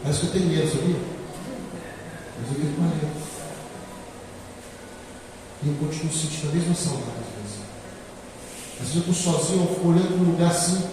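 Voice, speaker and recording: A man in his forties preaching a sermon as pastor, swinging between quiet reflection and loud emphasis. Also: fairly high pitch, brisk, long pauses, background noise. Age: 40s. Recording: echoey hall from far off.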